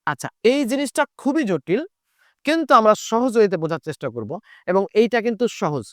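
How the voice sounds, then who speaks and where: A man's voice: high-pitched, big pitch swings, fairly quick, dry recording, studio quality. A Bengali teacher with a Chapainawabganj accent gives an online lesson. He repeats key points and asks and answers his own questions. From Chapainawabganj, Bangladesh.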